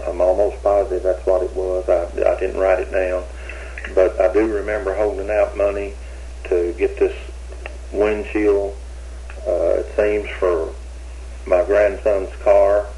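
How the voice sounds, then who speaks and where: A man's voice: low voice, little pitch movement, measured pace, dark tone, slight background noise, rough recording. Hesitant older man on old interrogation tape. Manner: hesitant, rambling, with many restarts. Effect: old interrogation tape recording.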